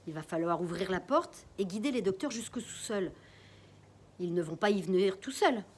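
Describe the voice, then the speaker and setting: A woman reading a first-person story aloud in an expressive way. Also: slight background noise. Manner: expressive reading with lively pitch.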